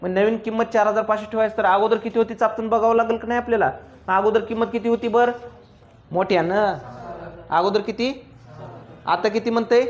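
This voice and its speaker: A male commerce teacher, lecturing a class and drilling students with quick questions and teasing remarks. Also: high voice, a little mellow, lo-fi sound.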